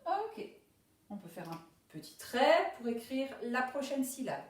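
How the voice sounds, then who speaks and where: A woman leads a dictation lesson for young pupils, drawing out every syllable with unhurried care. Her voice sits a touch high. The sound is roomy and a little distant from the microphone. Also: very animated. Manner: slow, careful, stretches out each syllable. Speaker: primary school teacher.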